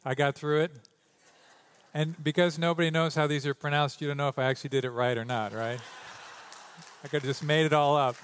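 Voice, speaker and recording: A pastor preaches into a stage microphone in a church sanctuary, reading scripture and then talking loosely with joking asides and stumbles. His voice is fairly high, a bit bright and fairly even in intonation, fairly quick but with long pauses, and a little hiss or hum can be heard.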